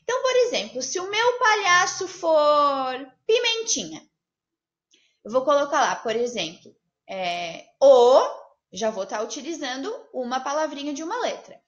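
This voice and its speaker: Sing-song teacher woman, high and lively. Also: roomy sound, muffled recording. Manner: slow, sing-song questioning of children. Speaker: primary school teacher. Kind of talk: online lesson for young children.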